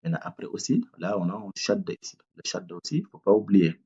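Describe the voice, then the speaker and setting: Deep-voiced man teaching slow recitation. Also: sing-song, warm tone, husky, lo-fi sound. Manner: patient, repeats each word slowly, corrects common mistakes. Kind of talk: tajwid lesson with demonstrated recitation.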